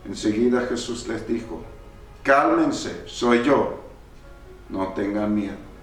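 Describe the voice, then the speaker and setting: Slow, low-voiced preacher in an echoey church. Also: male voice. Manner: preaching with sudden rises in pitch and volume. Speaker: pastor. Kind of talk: sermon. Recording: echoey church hall from far off.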